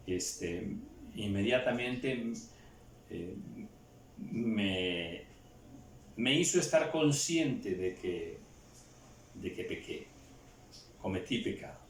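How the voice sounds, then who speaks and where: A man preaching a Bible teaching, asking and answering his own questions, halting with fillers. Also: mid-range voice, slight background noise. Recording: roomy echo, far from mic, faint ambience.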